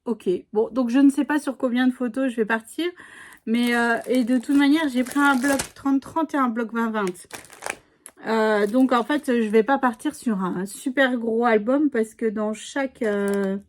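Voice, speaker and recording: A woman's voice: on the high side, a little slow, slight background noise. A middle-aged woman chatting casually as she unboxes a scrapbooking haul, rambling with many fillers and restarts. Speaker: scrapbooking vlogger.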